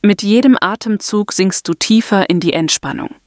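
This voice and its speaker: Guiding a meditation, a woman speaks softly and soothingly in a mid-range pitch. Each line is slow and purposeful, like affirmations read from a script. There's no room sound, and the recording feels close and dry.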